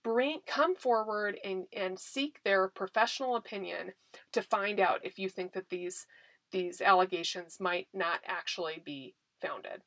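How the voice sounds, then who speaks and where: A middle-aged woman advocate speaking earnestly and directly to parents, coaching them on how to respond and gently modeling soothing words. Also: mid-range voice, unhurried, no echo. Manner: earnest, direct, softens into gentle soothing when modeling what to tell a child. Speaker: child abuse prevention advocate. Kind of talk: educational talk to parents.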